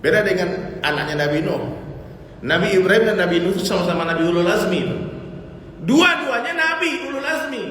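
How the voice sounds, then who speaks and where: Male preacher, high-pitched and emphatic, very echoey hall with long reverb. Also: animated, moderate pace, a bit bright. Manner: emphatic, with repeated rhetorical questions. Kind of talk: sermon. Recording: echoey hall, live sermon.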